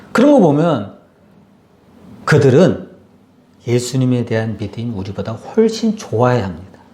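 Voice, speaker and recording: A male pastor preaching a sermon, telling stories with big swings from loud exclamations to hushed near-whispers. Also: mid-range voice, echoey room.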